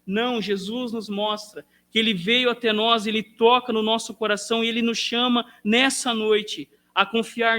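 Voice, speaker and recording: High, bright-voiced Brazilian preacher man. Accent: Brazilian Portuguese. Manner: preaching with rising emphasis and direct questions to the congregation. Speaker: pastor. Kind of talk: sermon.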